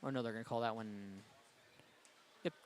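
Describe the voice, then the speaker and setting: A man doing play-by-play commentary for a high school hockey game, brisk and getting louder on big plays. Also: slight background noise. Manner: brisk, rises in excitement on goals. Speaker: play-by-play announcer.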